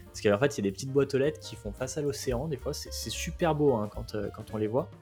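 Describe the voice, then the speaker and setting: A man from France casually recounting a road trip, chatty and relaxed, with frequent hesitations. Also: medium pitch, quick pace, soft background music. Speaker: travel guest. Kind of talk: casual travel storytelling.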